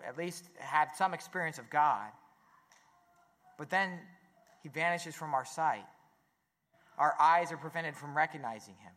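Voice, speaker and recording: A man's voice: high voice, pushed and bright. A man preaching a homily as a priest, candid and conversational, with frequent restarts and questions to the listeners. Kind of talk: sermon. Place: church. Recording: long hall reverb in a church.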